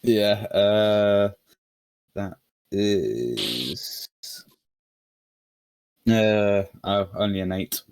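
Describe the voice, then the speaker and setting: Lowish-voiced man playing a tabletop game. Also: expressive, very slow, long pauses, a little mellow, clear, resonant tone. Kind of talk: casual game chat.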